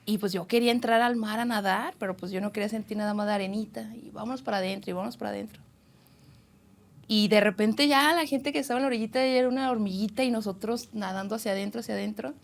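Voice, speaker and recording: A young Mexican woman telling a frightening personal story in casual chat, animated and swearing freely. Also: medium pitch, fast, gravelly. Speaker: guest.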